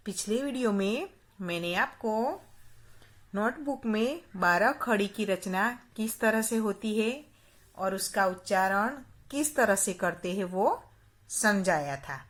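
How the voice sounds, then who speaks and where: A woman schoolteacher from Gujarat, patiently teaching young children and chanting syllables one by one. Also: mid-range voice. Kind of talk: slow Hindi lesson for young children.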